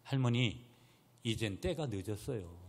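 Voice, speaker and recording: A little granddaughter, pleading and insistent, in a bright voice, played by a man during a sermon. Her pitch jumps about widely. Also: animated, a little slow.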